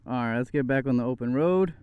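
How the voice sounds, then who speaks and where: A man's voice: medium pitch, fast talker, clean tone, dry recording. A man giving casual motovlog commentary from inside a helmet while riding a motorcycle. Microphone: microphone inside a helmet. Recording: muffled helmet mic, loud motorcycle and wind.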